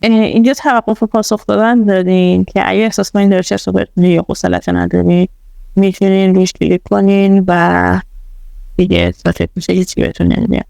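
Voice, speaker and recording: A woman's voice: medium pitch, vocal fry, dark tone, dry recording. A woman presenting a casual tutorial. She explains things step by step, with many fillers. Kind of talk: casual screen-recorded tutorial.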